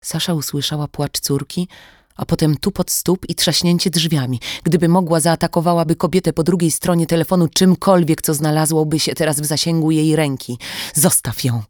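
An audiobook narrator giving measured, steady scripted narration of a thriller. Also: medium pitch, dry recording, clean studio sound.

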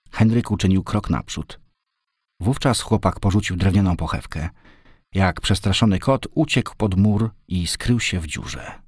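A man narrating a novel in a measured storytelling manner. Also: deep voice, a little mellow, no echo, studio quality.

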